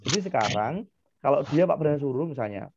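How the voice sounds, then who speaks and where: A man, a primary school teacher giving an online class to children, animated and acting out parents and kids. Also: mid-range voice, fast, lo-fi sound, noisy background.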